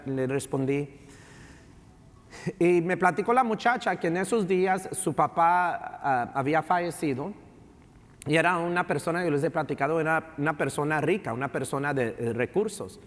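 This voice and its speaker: A man preaches in a church, his voice pitched rather high and trailing into a long reverb. He slides between languages mid-sentence and repeats his key lines for emphasis. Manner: bilingual preaching, switching into English phrases; ends phrases with a questioning "right?". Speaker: pastor. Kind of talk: sermon. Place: church sanctuary.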